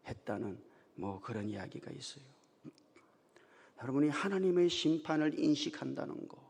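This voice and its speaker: A male pastor delivering a Sunday sermon, telling stories that build to loud, emphatic peaks. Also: mid-range voice. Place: church sanctuary. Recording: long church hall reverb.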